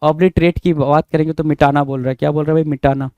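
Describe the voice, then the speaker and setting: Teacher guy, kinda high voice, mellow, dry sound, keeps quizzing you and spelling stuff out. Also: level tone, quick pace, clean tone, dry recording. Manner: repetitive, spells words letter by letter, quizzing the viewer; mixes Hindi and English. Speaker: English vocabulary teacher. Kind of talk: exam-prep vocabulary lesson.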